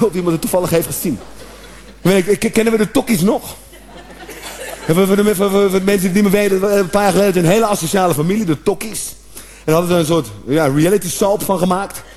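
A man doing a stand-up comedy routine, animated, with sudden shouted outbursts and acted-out noises. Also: high voice.

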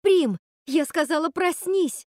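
A woman's voice: a little slow, no echo, clean studio sound, close to an everyday voice. A woman reading aloud and voicing a young witch girl who fights to save her sisters, urgent and pleading. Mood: desperate. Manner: urgent, pleading, high-strung.

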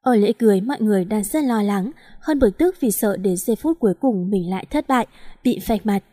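A woman's voice: mid-range voice, animated, brisk, warm tone, no room sound, clean studio sound. Woman narrating a dramatic romance story. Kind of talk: scripted romance novel narration.

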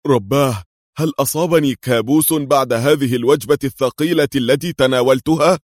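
Male narrator voicing a cheeky fat sidekick, pitched high, bold and loud, teasing. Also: a little fast, no room sound, clean studio sound, close to an everyday voice. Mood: mocking. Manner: teasing, playful. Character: jovial fat male sidekick, mocking captors.

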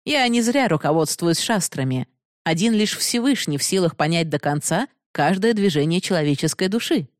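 A woman's voice: fairly low pitch, animated, moderate pace, dry recording, studio quality, natural voice. A woman voicing a stern, upright young man who lectures firmly and holds back his feelings. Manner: firm, lecturing.

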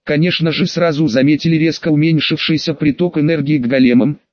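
A man reading a fantasy audiobook in steady, dramatic scripted narration. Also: fairly high pitch, brisk, dry recording, lo-fi sound.

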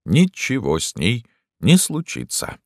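A man's voice: mid-range voice, huge pitch swings, a little slow, creaky, no room sound, studio quality, pitched above the performer's own voice, full character voice. A man doing a fussy old doctor. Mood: petulant. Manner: fussy, petulant, absent-minded. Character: small fussy older male doctor, grey-bearded and petulant. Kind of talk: audiobook character voice.

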